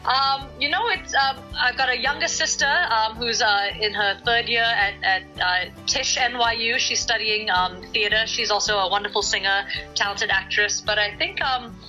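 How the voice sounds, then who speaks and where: A woman from Singapore speaks with a bright, forceful tone, candid and earnest as she thinks aloud. She sits as a guest in a radio studio, and the audio is a little dull, with faint music underneath. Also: fairly high pitch, moderate pace. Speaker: guest singer-songwriter. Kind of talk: radio interview.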